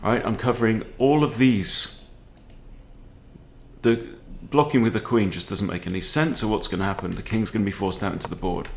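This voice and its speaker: A man's voice: lowish voice, moderate pace, gravelly. A man in his forties giving casual chess game commentary in a conversational way, often checking in with short questions. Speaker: chess video host. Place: book-lined room at home, indoors.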